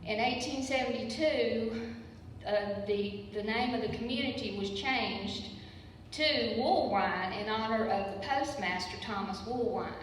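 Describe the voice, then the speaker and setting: A woman's voice: fairly high pitch, unhurried. An older woman with a Southern US accent giving an informal, folksy public lecture in a conversational way. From Patrick County, Virginia, United States. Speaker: guest lecturer and local history teacher. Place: large echoey room at a public lecture. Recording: very echoey hall, distant mic, faint noise.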